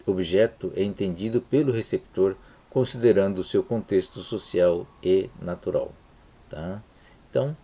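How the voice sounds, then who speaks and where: A man's voice: low-pitched, dark tone. A man teaching a university lecture with a Brazilian Portuguese accent, speaking unhurriedly and checking in often with "tá?" and "né?" while restarting words. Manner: unhurried, frequent "tá?" and "né?" check-ins, many restarts. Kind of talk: recorded lecture over slides.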